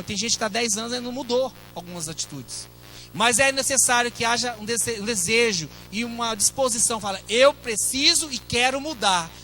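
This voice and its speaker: A middle-aged Brazilian pastor preaching in a high, bright voice. He talks to the congregation in a chatty way, with asides and questions. A faint hum sits behind him. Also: rough recording. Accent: Brazilian Portuguese. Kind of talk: sermon.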